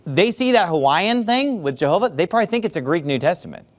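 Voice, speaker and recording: A middle-aged man preaches in a church like a pastor, his high, animated voice leaping about as he presses every point. Sarcasm and emphasis mark his delivery, with sudden loud bursts on individual words, all at a fast clip.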